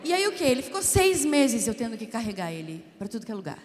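A Brazilian woman in her thirties preaches with lively, story-driven energy and quick jokey asides. Her voice sits a bit high for a woman. It rings out with the long reverb of a big hall. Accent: Brazilian Portuguese. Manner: animated storytelling, quoting her husband, jokey asides to the audience. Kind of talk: sermon with personal testimony.

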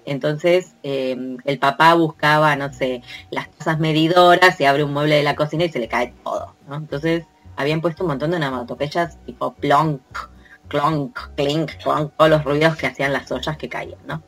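A woman's voice: low-pitched, a little fast, hardly any pauses. A woman with a Rioplatense Spanish accent, hosting a casual podcast chat, playful and laughing often as she sounds out onomatopoeia. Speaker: podcast host.

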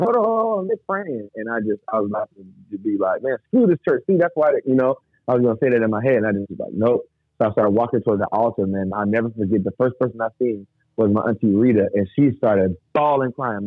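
There's no echo on this lowish male voice, though the recording has a dry, phone-like tinniness. He's a guest giving his testimony casually, full of laughter and animated impressions of what people told him.

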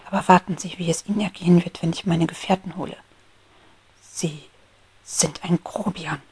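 A woman plays a small, sharp-tongued ant in whispered role-play, scolding and indignant. The voice is husky and breathy. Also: lowish voice, fairly even intonation, moderate pace, dry recording.

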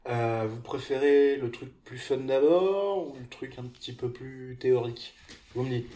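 A man's voice: mid-range voice, moderate pace, mellow. A man co-hosting a podcast, chatting casually about what he recommends, with frequent hesitations and wry asides. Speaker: podcast co-host. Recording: echoey room with faint noise.

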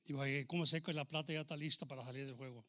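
An older man giving an earnest church testimony, exhorting his listeners as brothers and bursting into loud emphasis. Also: medium pitch, steady tone, very fast, no room sound. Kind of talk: testimony sermon.

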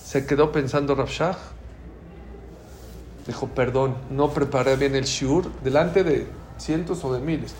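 Rabbi man giving a torah talk, animated, acts out little dialogues, echoey room, faint noise. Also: mid-range voice, measured pace. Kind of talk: Torah lecture.

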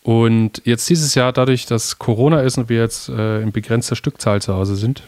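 A man from Bavaria chatting as a guest, telling stories in a relaxed way and pausing on fillers as he searches for words. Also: mid-range voice, no room sound. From Bavaria, Germany. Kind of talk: casual chat.

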